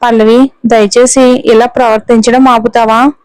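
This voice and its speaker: A woman's voice: a little high, little pitch movement, measured pace, darkish tone, clean tone, no room sound, natural voice, low-quality recording. A woman voicing a cold, impatient young husband who answers curtly and dismissively in a storybook reading. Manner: curt and dismissive.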